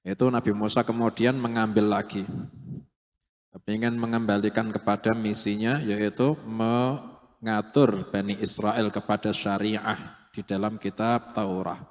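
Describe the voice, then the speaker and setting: A male preacher, telling a religious story in an animated sermon. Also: fairly low pitch, unhurried. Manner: animated storytelling, acting out quotes. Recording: long echoey hall reverb.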